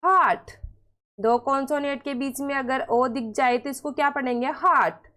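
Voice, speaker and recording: A woman's voice: high-pitched, little pitch movement, a little fast. A woman teaching English pronunciation in Hindi, patiently asking questions and answering them herself. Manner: explains patiently and step by step. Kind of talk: Hindi-language English lesson.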